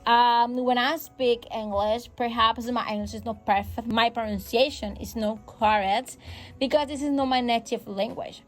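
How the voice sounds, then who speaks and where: An English teacher and podcast host whose first language is Spanish runs a casual English-learning show with faint background music. Her voice is a little high, steady in tone and moderate in pace, and she is encouraging, repeats key phrases and makes minor grammar slips.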